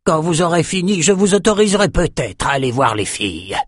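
Bossy boastful dive master, man doing the voice, barking, pitched up, audiobook. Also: sing-song, brisk, no echo, studio quality. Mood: commanding. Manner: commanding, bellowing orders.

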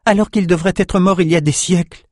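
A man's voice: high-pitched, fairly even intonation, a little fast, darkish tone, dry recording, clean studio sound, voice pushed up. A man voicing an alarmed knight, tense and questioning.

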